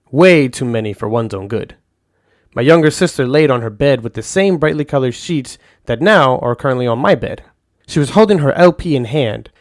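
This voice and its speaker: A man narrating a first-person audio story in a calm, soft-spoken way. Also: medium pitch, no room sound, studio quality.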